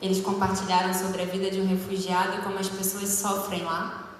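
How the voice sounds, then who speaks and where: A woman's voice: mid-range voice, monotone, fairly quick. A woman interpreting a speaker phrase by phrase at a live event. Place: large echoey hall. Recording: echoey hall, distant mic, faint noise.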